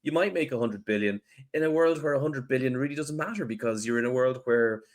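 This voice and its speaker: A man co-hosting a podcast, arguing his point in casual debate with wry, deadpan sarcasm. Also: mid-range voice, fast. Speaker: podcast co-host.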